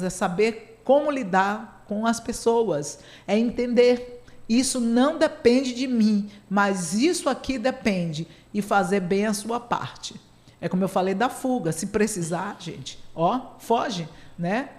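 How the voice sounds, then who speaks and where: A woman's voice: medium pitch, unhurried, darkish tone. A woman, a psychotherapist hosting a casual radio talk, chatty and playfully sarcastic, laughing often.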